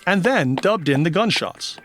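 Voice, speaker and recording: An actor playing a calm, formal mystic crime-fighter in a comedy audio drama, speaking precisely with dry exasperation. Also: male voice, fairly high pitch, a little slow, slight background noise. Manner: patient, precise, dryly exasperated.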